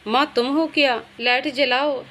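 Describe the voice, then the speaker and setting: A woman's voice: high-pitched, fairly even intonation, unhurried, pushed and bright, full character voice. A woman voicing a frail, emotional young woman recovering from illness in a storybook reading. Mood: bewildered.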